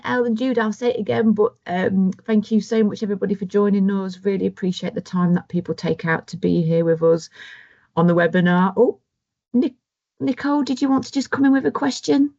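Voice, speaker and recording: A woman's voice: medium pitch, fairly quick, darkish tone. A woman hosting an online webinar, reading out audience questions and thanking the speakers. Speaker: webinar host. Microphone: video call. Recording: dull lo-fi call audio.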